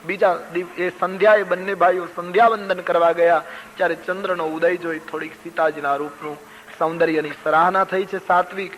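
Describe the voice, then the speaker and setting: Older man, preacher, storytelling sermon with sung verses, bright forceful tone, fairly high voice, faint background hiss. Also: low-quality recording. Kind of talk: Ram Katha sermon.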